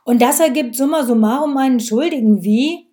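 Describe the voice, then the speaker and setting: A woman's voice: mid-range voice, normal speed, warm tone, close to an everyday voice. A woman reading an audiobook voices a cornered man who answers a policeman with sarcasm. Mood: sarcastic.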